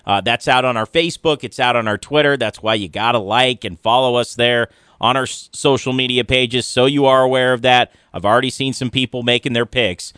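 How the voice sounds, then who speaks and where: A man's voice: medium pitch, steady tone, a little fast, hardly any pauses, bright, forceful tone, smooth, no room sound. Casual male radio host, dry close sound. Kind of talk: casual off-the-cuff radio talk. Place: radio studio.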